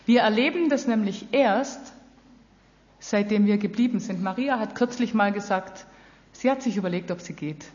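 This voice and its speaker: A woman's voice: mid-range voice, normal speed, a little mellow. Earnest woman preaching in a reverberant hall. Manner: earnest, direct address to the audience. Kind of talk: sermon. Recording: dull audio with long hall reverb.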